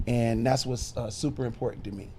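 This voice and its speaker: He talks briskly in a husky, warm, mid-range voice with fairly even intonation. The speaker, a middle-aged minister and bishop who was born in Chicago and grew up in Detroit, narrates his life in a laid-back podcast interview, often using fillers.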